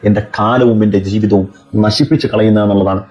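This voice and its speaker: Fast, dark-voiced man preaching. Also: on the low side, fairly even intonation, dull audio. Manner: fires rhetorical questions at the listener. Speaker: Islamic speaker. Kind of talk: persuasive religious speech.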